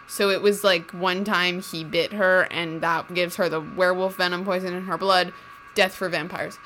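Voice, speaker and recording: A woman's voice: fairly low pitch, fairly even intonation, normal speed, fairly bright tone, faint music behind. Dry teasing young woman co-host. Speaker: podcast co-host. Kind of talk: casual chat about TV shows. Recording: faint background noise.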